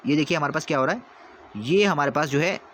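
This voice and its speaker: Fast-talking male teacher. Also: on the high side, fairly bright tone, a little hiss or hum. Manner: explains step by step, constantly asking and answering his own questions; repeats 'theek hai?' to check understanding. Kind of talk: whiteboard lesson.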